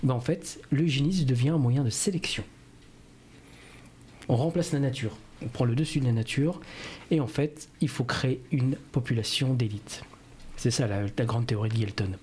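Male radio columnist, explanatory, filler-heavy, mid pitch, slight noise. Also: moderate pace, darkish tone. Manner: explanatory, many "en fait" fillers. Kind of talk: radio talk segment.

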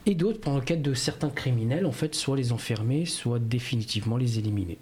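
Male radio columnist, explanatory, filler-heavy, mid pitch, slight noise. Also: fairly quick, darkish tone. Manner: explanatory, many "en fait" fillers. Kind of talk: radio talk segment.

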